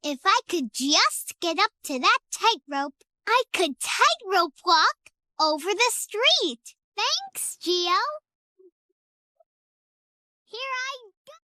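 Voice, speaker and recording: A woman's voice: very high voice, sing-song, takes it slowly, pushed and bright, no room sound, studio quality, full character voice. A woman voicing Ellee, an eager and cheerful young girl elephant in a preschool cartoon, talking straight to the viewer in a sing-song way. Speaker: voice actor.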